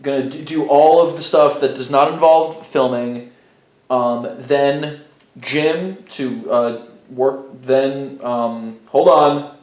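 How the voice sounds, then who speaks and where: A young man talks to his camera in a loose, rambling vlog. He thinks out loud, trips over his words and starts sentences over. His voice sits at an ordinary middle pitch, and the room gives it a noticeable echo. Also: fairly even intonation, slow pace. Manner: rambling, restarts, thinks aloud. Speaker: vlogger. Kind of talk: casual vlog talk to camera. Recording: echoey room.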